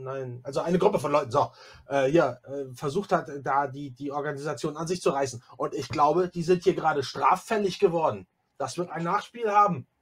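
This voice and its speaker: A man voicing a pompous, indignant male vegan official who lectures about the law. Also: a little high. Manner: stiff, lecturing, outraged.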